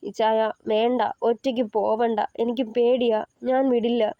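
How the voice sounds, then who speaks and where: A woman's voice: fairly high pitch, level tone, unhurried, no room sound, dull audio. A woman voicing a frightened young wife who pleads with stammering, tearful words, in an audio novel. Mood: tearful pleading.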